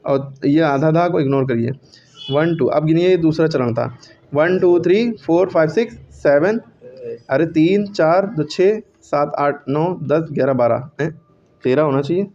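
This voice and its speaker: A man's voice: a little high, unhurried, a little mellow, dull audio. Man teaching, counting syllables aloud. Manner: counts syllables aloud, checks and corrects himself. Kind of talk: classroom lesson on Hindi verse meter.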